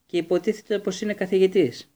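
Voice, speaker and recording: Brief: man doing a jeering teen bully, pitched up and sneering, mellow timbre. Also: steady tone, natural voice. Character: sneering rich schoolboy bully.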